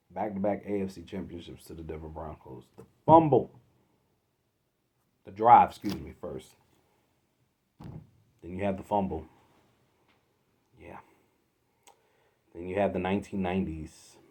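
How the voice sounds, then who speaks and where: A man from Philadelphia hosting a solo sports podcast, exasperated, swinging from loud outbursts to low muttering. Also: husky. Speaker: podcast host.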